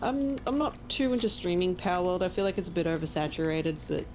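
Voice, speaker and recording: A woman's voice: fairly low pitch, lively intonation, fast, a little mellow. A woman chatting casually with friends, teasing them and swearing freely.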